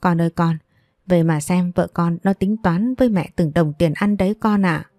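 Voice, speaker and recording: A woman's voice: on the low side, moderate pace, no echo, soft background music, close to an everyday voice. A woman voicing a scornful, nagging older mother-in-law who complains theatrically. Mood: self-pitying. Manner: sharp and wailing, theatrical complaints.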